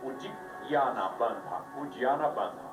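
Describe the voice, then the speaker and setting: This yoga teacher has a mid-range, animated voice and speaks slowly as he runs a live class with deadpan humor. The recording comes from an aging VHS tape, with a distant voice, echoey room, and background music.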